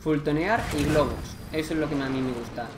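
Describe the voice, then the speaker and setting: A man with an accent from Spain, casually commenting on a game he plays, chatty and excitable with lots of slang. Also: a little high, a little fast, reverberant, background noise. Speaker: gameplay commentator.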